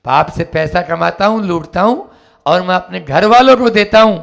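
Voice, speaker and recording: A boastful, violent bandit chief barks his threats in a raised, gravelly voice, put on by a man telling a story. He speaks loudly, with a bragging, threatening edge. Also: high-pitched, moderate pace. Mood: defiant.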